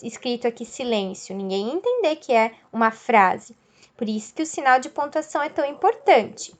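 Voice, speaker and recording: A woman's voice: on the high side, animated, normal speed. A woman teacher giving a recorded video lesson, explaining step by step and asking and answering her own questions. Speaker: school teacher.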